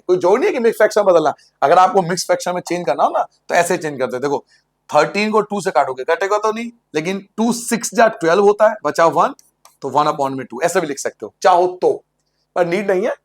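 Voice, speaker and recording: High-voiced man teaching maths. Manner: asks questions and answers them himself, repeats steps in a sing-song way; playful, jokes with the class. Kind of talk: blackboard maths lesson for school students.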